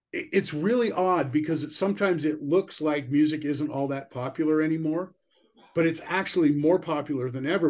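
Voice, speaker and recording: A middle-aged man talks from a room at home over a video call, pitched a little high for a man. He rambles with eager enthusiasm, scattering "you know" through his sentences in a casual interview chat. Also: darkish tone. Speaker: guest musician.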